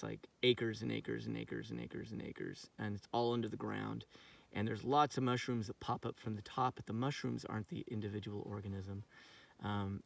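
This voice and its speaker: A man's voice: mid-range voice, vocal fry, distant mic, slight background noise. A man giving a casual outdoor nature lesson for kids on his lawn, friendly and rambling with lots of fillers. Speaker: outdoor education teacher.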